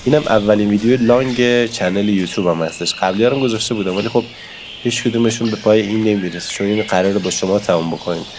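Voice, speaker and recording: Gaming YouTuber, male, low and a bit hoarse from a cold; excitable, talks straight to viewers. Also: background noise. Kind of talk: casual gameplay commentary.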